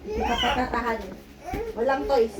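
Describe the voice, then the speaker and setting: A woman's voice: on the high side, lively intonation, moderate pace, very noisy. A mother at home scolding and coaxing her crying toddler with short, repeated commands.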